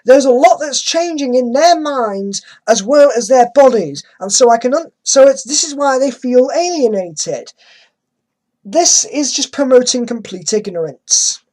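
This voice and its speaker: In poor audio, a woman with a high, darkish voice hosts a dramatic article reading, speaking animatedly but a little slowly. Her comments carry sarcastic, exasperated emphasis.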